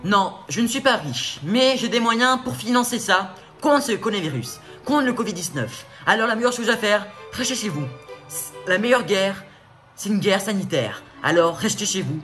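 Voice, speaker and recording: A man's voice: high-pitched, expressive, normal speed, bright, forceful tone, soft background music. A man voicing a pompous rich former male vice-president who talks smugly, puffs himself up and keeps backpedalling, in a comedic sketch speech. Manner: smug, self-important, backpedalling.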